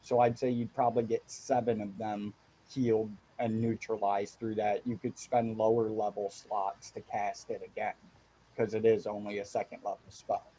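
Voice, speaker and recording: A man's voice: fairly low pitch, level tone, moderate pace, dark tone, husky, low-quality recording. A man running a tabletop game as dungeon master, explaining rules and describing scenes.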